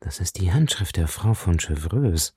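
A man voicing a cold, cunning noblewoman in an audiobook, speaking low and measured with a probing edge. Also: very animated, dark tone, breathy edge, no echo, clean studio sound. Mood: guarded. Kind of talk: audiobook reading.

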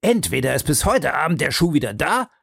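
A man voicing an angry middle-aged country gentleman who rants fast, in a broad West Country dialect. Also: fairly high pitch, sing-song, vocal fry, breathy edge, no room sound, studio quality, voice pushed up, full character voice. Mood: furious. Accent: broad West Country dialect (as told). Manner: furious, fast, shouting complaints.

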